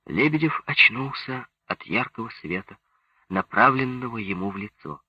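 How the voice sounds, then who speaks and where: A man reading a war novel aloud as an audiobook narrator, in slow and even scripted narration. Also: medium pitch, breathy edge, no echo. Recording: dull lo-fi dry recording.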